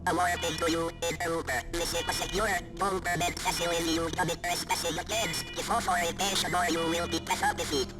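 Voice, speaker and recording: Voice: mid-range voice, little pitch movement, brisk, hardly any pauses. An actor voicing a hostile security robot that guards an old bunker, with a robotic filter and stiff, clipped announcements, from a video game. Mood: threatening. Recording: game audio under loud music. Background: loud game music.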